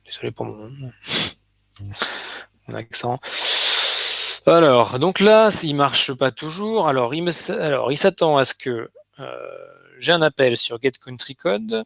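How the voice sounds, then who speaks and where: A man's voice: fairly high pitch, lively intonation, a little slow, creaky, a bit bright, dry recording. A man from France giving a live coding talk, hesitant, with many restarts and fillers. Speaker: conference speaker.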